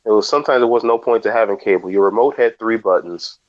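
A man co-hosting a podcast in casual chat, joking with dry, deadpan asides. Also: on the low side, fast, lo-fi sound. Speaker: podcast co-host.

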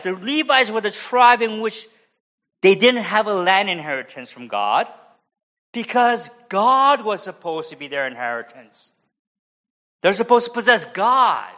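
A man's voice: sits high, fairly bright tone, lo-fi sound. A man from America with an American accent, preaching an expository sermon with conversational asides. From United States. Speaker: pastor.

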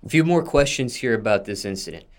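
A man hosting an interview, asking measured, methodical follow-up questions. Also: medium pitch, animated. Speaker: interview host.

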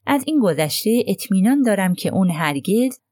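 A woman doing a hesitant young gentleman. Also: mid-range voice, sing-song, no room sound, studio quality. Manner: hesitant, faltering. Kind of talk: audiobook reading.

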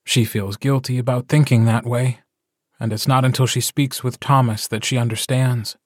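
A man narrating a short story as an audiobook, in a calm, measured storytelling voice. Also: medium pitch, dry recording, clean studio sound.

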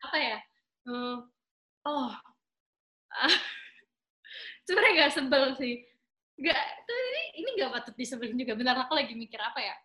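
A woman from Indonesia chatting casually as a podcast guest, animated and quick to laugh, dropping in English words. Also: high voice. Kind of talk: casual chat.

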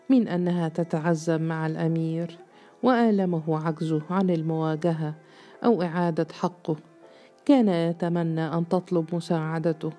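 A woman reading a historical novel aloud in steady, measured storytelling narration. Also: low-pitched. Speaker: audiobook narrator.

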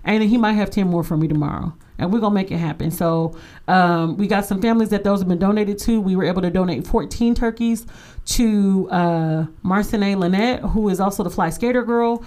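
A woman's voice: mid-range voice, brisk. Emphatic woman talk host. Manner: emphatic and animated, says she sounds aggressive. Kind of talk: casual talk show chat. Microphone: studio microphone.

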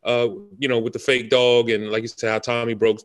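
A man's voice: mid-range voice, level tone, a little fast. A man co-hosting a podcast, speaking casually with frequent hesitations and filler sounds. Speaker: podcast co-host. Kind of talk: casual chat.

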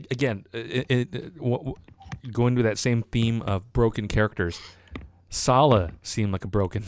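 A man's voice: on the low side, smooth, dry recording, clean studio sound. A man in casual podcast chat, hesitant, stammering over repeated words and fillers. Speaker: podcast co-host.

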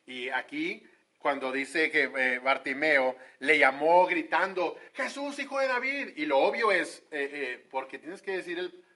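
A man's voice: a little high, steady tone, a little slow, pushed and bright. A man from Monterrey, Mexico, preaching a sermon in a conversational way, with frequent hesitations.

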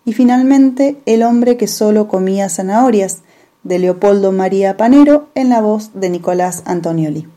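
A woman announcer presents the program's songs and poems. Her tone is mellow and soft-edged. She speaks clearly and informatively. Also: mid-range voice, normal speed. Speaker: radio program host. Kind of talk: radio announcing.

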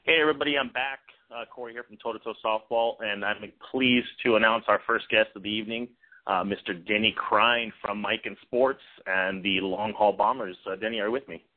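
A man hosting an informal sports talk show in a halting, repetitive, unscripted way. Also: on the low side, fairly even intonation. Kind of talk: unscripted internet radio talk. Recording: muffled narrow-band phone-like internet radio.

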